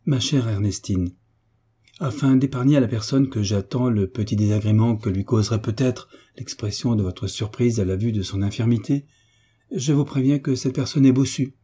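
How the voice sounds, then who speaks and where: A man's voice: mid-range voice, normal speed, warm tone, husky, close to an everyday voice. A man voicing a proud, grieving young orphan woman in an audiobook, pleading through tears. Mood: gentle. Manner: sorrowful, tearful pleading. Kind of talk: audiobook reading.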